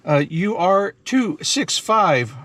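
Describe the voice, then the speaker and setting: Recorded inside a car, a man speaks slowly in a high, fairly bright voice with big pitch swings, and the recording is dry. As an amateur radio operator, he casually alternates between explaining and making contest calls, spelling call signs and numbers phonetically.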